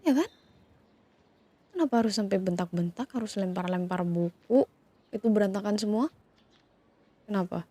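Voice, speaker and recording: A woman in a whispered role-play, calmly scolding and soothing two siblings who have been fighting. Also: medium pitch, normal speed, pauses often. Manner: scolding yet soothing, questioning. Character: woman calming partner and his younger sibling fighting. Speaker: ASMR roleplay creator.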